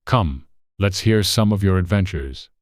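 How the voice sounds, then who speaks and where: A narrator plays a storybook griffin with a deep, low voice. The beast is a solemn know-it-all, brusque and easily impatient. The recording is very dry. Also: animated, a little slow, dry recording.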